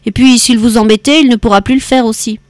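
A woman narrator voices a young policeman with a wry, teasing edge. His retorts come quickly. The recording is dry and close. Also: fairly high pitch, steady tone, no echo, lightly acted. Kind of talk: audiobook character voice.

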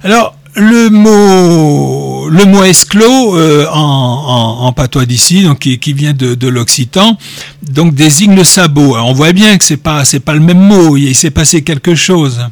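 Chatty man with a higher voice. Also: animated, a little slow, no echo. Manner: digressive, joking, hesitant with many repeats. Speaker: speaker explaining word origins. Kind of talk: informal spoken talk.

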